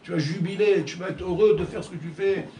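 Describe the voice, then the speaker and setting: Male rabbi, lively preacher, slightly high voice, roomy echo. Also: fast talker, slight background noise. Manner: animated, acts out dialogues, addresses listeners as Rabotai. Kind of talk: Torah lecture. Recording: echoey room with faint ambience.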